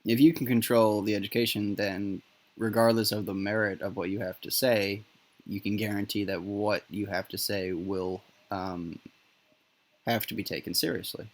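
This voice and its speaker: A man hosts a casual chat in a slightly low voice. He talks haltingly, stumbling over words and filling pauses. The recording is poor and pops throughout. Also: little pitch movement. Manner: halting, many fillers and restarts. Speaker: podcast host. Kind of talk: casual discussion. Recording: poor audio with popping.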